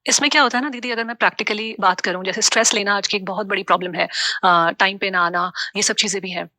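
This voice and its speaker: A woman's voice: mid-range voice, fairly even intonation, quick pace, sharp tone, dry recording. A woman interviewer asking long, searching questions that she builds up with practical examples.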